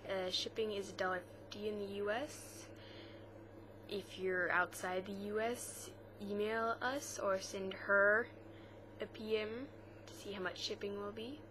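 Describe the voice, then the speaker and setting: A woman's voice: mid-range voice, fairly even intonation, a little slow, bright, forceful tone, a little hiss or hum. A woman co-hosting a knitting podcast, giving announcements in a plain, matter-of-fact way. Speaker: podcast co-host. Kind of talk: casual chat.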